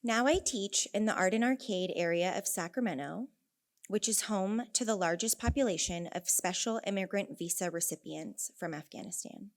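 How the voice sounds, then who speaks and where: Speaking at a moderate pace in a medium-pitched voice, a young woman with a California accent gives a prepared conference talk. She's an elementary teacher from Northern California, and her storytelling is earnest, peppered with wry asides.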